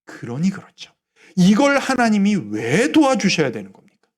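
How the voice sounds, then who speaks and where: A man's voice: sits high, huge pitch swings, moderate pace. A male pastor preaching a Sunday sermon, acting out the prayers and words he quotes.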